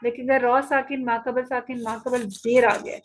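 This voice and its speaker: A woman's voice: a little high, flat delivery, soft background music, poor audio. A woman teaching an online Quran recitation lesson, patiently repeating each rule and checking that students follow. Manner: patient, repeats rules slowly and checks understanding. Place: online class.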